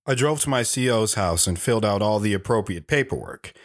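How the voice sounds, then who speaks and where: A man's voice: lowish voice, animated, a little fast, natural voice. A man playing a young soldier, husband and father, who talks in a clipped, dutiful way and narrates his own story. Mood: steady. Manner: clipped, dutiful military politeness. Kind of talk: first-person story narration and dialogue.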